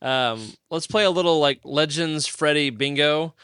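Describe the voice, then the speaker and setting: Man, podcast co-host, playful, bright, smooth, dry room. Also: a little high, no echo. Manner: playful, quick to joke. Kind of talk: casual podcast chat.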